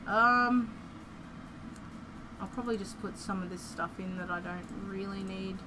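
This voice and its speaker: A woman's voice: medium pitch, a little slow, background noise. A young Australian woman chatting casually and playfully as she streams a building game, rambling through her thoughts.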